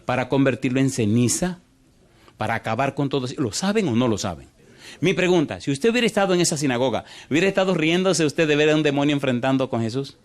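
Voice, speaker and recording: An animated male pastor preaches in a medium pitch, quizzing the people in the pews with repeated yes-or-no questions. He speeds up, then draws his lines out slowly, swinging back and forth between the two.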